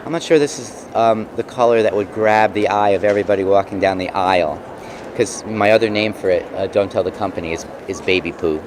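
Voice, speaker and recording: A man with a New York accent casually explaining and demonstrating craft products, pausing mid-sentence as he works. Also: fairly low pitch. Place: busy convention booth. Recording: noisy trade show floor background.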